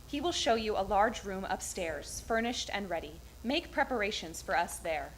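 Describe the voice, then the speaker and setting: A woman's voice: medium pitch, expressive, moderate pace. A woman giving a formal reading of scripture at a church service. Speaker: scripture reader at a Good Friday service. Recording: clearly noisy live recording.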